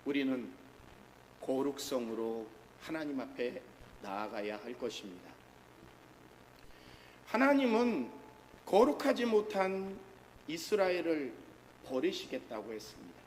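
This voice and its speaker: Lively male pastor in a reverberant church. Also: medium pitch, a little slow, long pauses, slight background noise. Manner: lively preaching, asks the congregation questions. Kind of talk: sermon. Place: church sanctuary. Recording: reverberant church hall, faint ambience.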